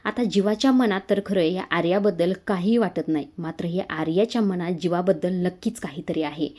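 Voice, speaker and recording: A woman's voice: on the low side, a little fast, mellow, natural voice. A woman doing a firm, suspicious young man. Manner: firm, earnest.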